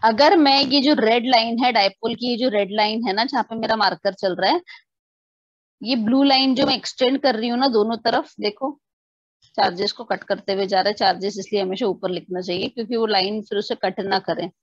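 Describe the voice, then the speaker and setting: A woman's voice: fairly high pitch, a little fast, dry recording. Dry, slightly muffled woman teaching physics. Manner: explains step by step, often asking students if they understood; mixes English definitions into the explanation. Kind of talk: online class lecture.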